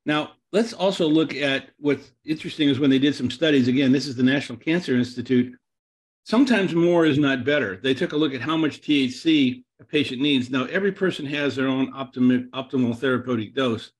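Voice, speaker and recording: A man's voice: medium pitch, a little fast. A man hosting a webinar, presenting slides in a loose, rambling way with repeated words and restarts. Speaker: webinar host.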